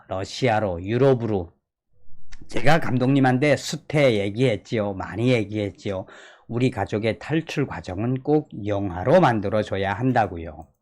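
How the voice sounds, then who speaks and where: A man reading a long letter aloud in an earnest, dramatic way, with sudden shifts between loud and soft. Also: medium pitch. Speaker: channel host.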